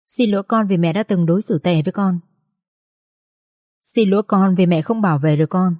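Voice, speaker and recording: A woman's voice: fairly low pitch, moderate pace, mellow, no echo, studio quality, natural voice. A woman reading as a weeping, remorseful mother. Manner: tearful, choked apology. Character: grieving mother apologizing to her grown daughter.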